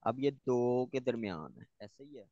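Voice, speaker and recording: A man's voice: mid-range voice, lively intonation, unhurried, mellow, dry recording, highs cut off. A man, a student thinking aloud and asking a teacher questions about grammar. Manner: hesitant, thinks aloud, restarts.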